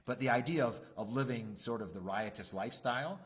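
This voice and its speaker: A man's voice: medium pitch, a little fast. A man co-hosting a church youth talk show, speaking in a reflective, rambling way with many fillers. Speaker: church youth leader co-host. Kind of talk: casual faith discussion.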